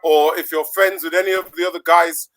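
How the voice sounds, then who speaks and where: Caribbean-born male host, higher voice, bright tone, chatty and rambling, video call audio. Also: fairly even intonation, poor audio. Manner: chatty, rambling, quick to laugh. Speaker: podcast host. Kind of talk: casual online show chat.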